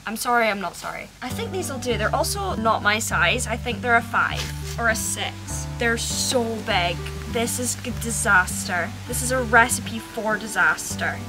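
A woman's voice: a little high, expressive, normal speed, hardly any pauses, roomy sound. A young woman in her twenties chatting casually on a vlog, joking at her own expense. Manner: chatty, self-deprecating, joking. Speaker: fitness vlogger. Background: background music.

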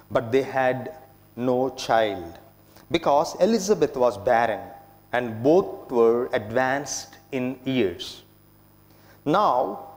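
A man serving as priest, reading the gospel in a slow, measured, solemn way, his voice ringing with a cathedral echo. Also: a little high, darkish tone. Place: large church. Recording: long church reverb from a distance.

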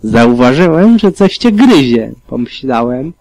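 A man reading an audiobook, voicing a friendly, teasing male pegasus stallion in a warm tone. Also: medium pitch, big pitch swings, measured pace. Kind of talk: audiobook reading of fan fiction.

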